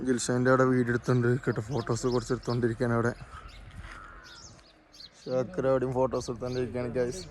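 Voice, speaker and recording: A man's voice: medium pitch, monotone, fast, pauses often. A man with a Malabar Kerala accent chatting as a vlog host, mixing English slang into Malayalam and repeating catchwords. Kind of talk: casual travel vlog chat. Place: in a car and outdoors by the roadside. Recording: loud outdoor and car noise.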